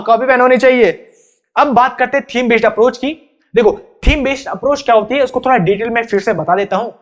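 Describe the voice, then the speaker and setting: A man teaching an exam-prep vocabulary lesson, chatty and repetitive, calling his students brother. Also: very high voice. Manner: chatty, repetitive explaining, addresses students as bhai. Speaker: English teacher. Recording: dull lo-fi recording.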